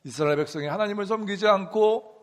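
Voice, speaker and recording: A middle-aged pastor with a high-sitting voice talks fast as he preaches in a church sanctuary. He uses call-and-response questions with the congregation and repeats key words rhythmically for emphasis.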